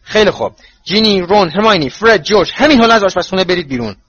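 A man voicing an anxious, fierce middle-aged mother in a storybook reading, pitched high and shrill. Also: very animated, fairly bright tone, slightly rough, full character voice. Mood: agitated. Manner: shrill and pleading. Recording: dull lo-fi recording.

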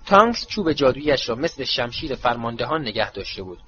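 A man narrating a storybook in an expressive, dramatic reading. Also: medium pitch, dull audio, slight background noise. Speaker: audiobook narrator.

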